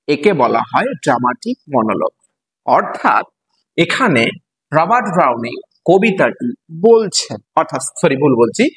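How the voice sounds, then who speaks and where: A man's voice: fairly high pitch, slightly rough, rough recording. A male teacher from West Bengal with a Bengali accent, explaining a poem to students. He spells words letter by letter and asks the class questions.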